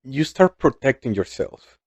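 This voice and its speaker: A man's voice: medium pitch, very animated, measured pace, husky, dry recording. A man, co-hosting a casual chat, reflective and hesitant, often repeating words. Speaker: podcast co-host.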